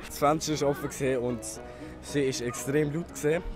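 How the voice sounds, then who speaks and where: A young man answering a street interview in a halting, sheepish way. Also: mid-range voice, steady tone, a little mellow. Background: music.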